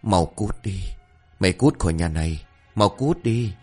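A man puts on a little boy pretending to be a ghost, dropping his voice low and husky and drawing the words out slowly like someone out of breath. The tone is menacing, a spooky storybook scare. Faint music plays underneath. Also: expressive, darkish tone, full character voice. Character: boy faking a hoarse ghost's voice.

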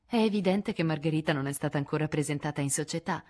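A woman's voice: low voice, fast, a little mellow. A woman reading an audiobook, voicing a gossipy young society lady who exclaims and winks knowingly.

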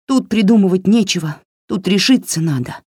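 A woman's voice: medium pitch, animated, darkish tone, breathy edge, no room sound, studio quality, voice pushed up. Woman voicing a curt, bossy little doll. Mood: brisk. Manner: brisk, clipped and no-nonsense.

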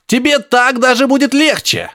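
A man doing a frantic shouting professor. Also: normal speed. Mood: agitated. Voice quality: high, strained, grunting shouts. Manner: urgent and agitated, shouting. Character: excitable male professor over a crackling radio.

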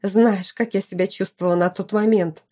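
Shrill haughty duchess voiced by a woman, indignant, scheming, audiobook, dark tone. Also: fairly even intonation, moderate pace, natural voice. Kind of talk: audiobook character reading.

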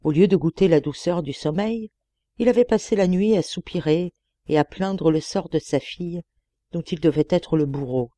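A woman narrates a classic tale in a measured, expressive audiobook reading. Her voice is warm and mellow, with no bright edge. She is recorded on a close mic with a dry, dead sound. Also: lowish voice, dry recording.

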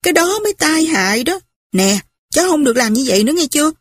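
A woman's voice: high voice, sing-song, quick pace, no echo, pitched above the performer's own voice. Woman doing a flustered, fretting old aunt. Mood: flustered scolding. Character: fussy, timid, tearful middle-aged aunt.

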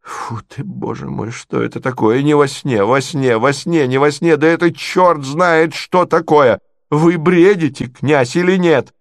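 A man's voice: a little high, unhurried, dry recording, clean studio sound. A man voicing an indignant, domineering lady who presses with exasperated questions. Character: indignant domineering middle-aged lady, scheming.

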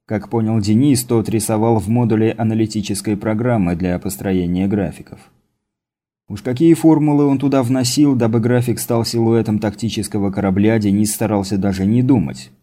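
A man reading a science fiction audiobook as narrator, in steady scripted narration. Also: on the low side, normal speed.

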